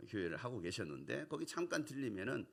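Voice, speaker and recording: A man's voice: mid-range voice, sing-song, quick pace, gravelly, fairly bright tone. A middle-aged male pastor preaching a sermon, telling a personal story and acting out the voices of his family.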